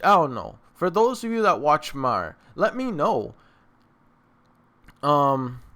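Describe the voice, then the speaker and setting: Talking loosely to his audience, this man hosts an anime reaction channel and leans on slang, saying things again to drive them home. He has a mid-range voice with a fairly bright tone.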